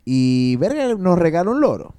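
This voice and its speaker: A man with a Venezuelan accent telling a teenage memory in animated, slangy chat. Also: fairly high pitch, normal speed, smooth, no echo. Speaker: podcast co-host. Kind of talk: casual storytelling among friends.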